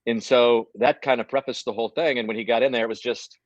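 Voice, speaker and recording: A man's voice: mid-range voice, fairly even intonation, quick pace, dry recording. A man, a golf broadcaster, talking as a guest over a video call whose audio keeps breaking up. He rambles and restarts his sentences. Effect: choppy video call audio breaking up. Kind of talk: casual phone-in interview chat. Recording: dull lo-fi video call line.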